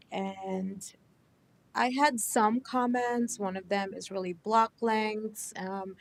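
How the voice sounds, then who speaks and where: A woman city planner presenting a project at a committee meeting, hesitant, with many ums and self-corrections. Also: medium pitch. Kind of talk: staff report at a meeting.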